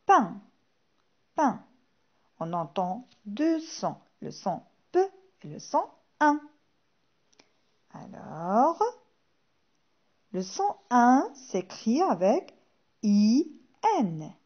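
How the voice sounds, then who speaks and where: A woman teaching a phonics lesson to young children, saying each word slowly and clearly and repeating it. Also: a little high, big pitch swings, muffled recording. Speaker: primary school teacher.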